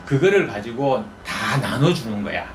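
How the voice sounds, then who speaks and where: A man's voice: lowish voice, big pitch swings, normal speed, slight background noise. A male pastor preaching in a folksy storytelling manner, often asking the congregation questions. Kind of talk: conversational sermon.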